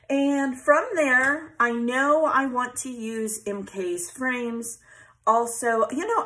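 A scrapbooking host with a fairly high, slightly bright voice talks casually through a craft tutorial. She arranges pieces at her home craft table, musing aloud, filmed from above with the camera on her hands.

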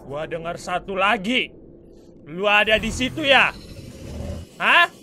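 Brief: excitable gaming commentator, male, cocky and loud-mouthed, very bright tone, faint noise behind. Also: sits high, takes it slowly. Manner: excitable trash-talking, mixing in English swears. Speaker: gaming YouTuber. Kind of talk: let's play commentary.

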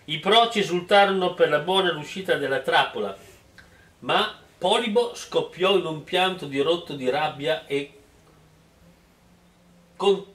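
A man's voice: on the high side, unhurried, long pauses, recorded from a distance. A man doing a mock-dramatic reading of a silly story, stopping for joking asides and mocking remarks. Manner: animated, mocking, breaks into laughter. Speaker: reader and comic commentator. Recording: roomy, off-mic sound.

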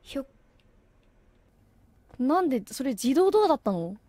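A woman's voice: high-pitched, sing-song, normal speed, no echo. A woman streamer reacting live to a horror game in a startled, exclamatory way. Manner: startled, exclamatory, prone to shouting. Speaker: virtual streamer.

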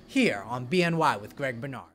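A man hosting an entertainment news show, talking in an animated, chatty way with playful asides. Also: medium pitch, moderate pace, loud music behind the voice. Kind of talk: energetic entertainment news chat.

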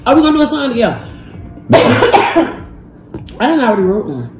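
A woman's voice: a little high, moderate pace, reverberant, loud music behind the voice. A woman, chatting casually and teasing while eating on camera with her husband. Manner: lively, teasing, laughs often. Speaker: channel host. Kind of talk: casual mukbang chat.

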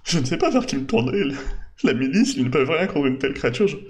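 A man's voice: fairly high pitch, big pitch swings, fast, darkish tone. A man voicing a terrified young man who stammers and begs for help while reading game dialogue aloud. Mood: pleading. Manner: stammering, pleading.

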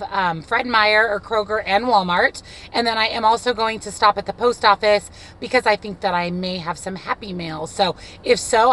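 Poor audio captures a medium-pitched, fairly bright female voice. A thirtysomething American vlogger chats gushingly and casually to her audience from her car, filming with a phone or camera at arm's length.

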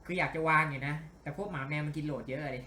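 Grumbling, animated man playing a game. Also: a little high, racing, echoey room, slight background noise. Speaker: game streamer. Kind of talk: casual let's-play commentary.

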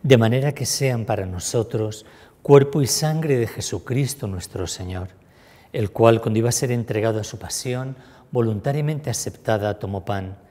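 Give me a priest leading Mass with solemn, measured prayers in a church with a long reverb. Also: male voice, lowish voice, mellow. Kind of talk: celebrating Mass.

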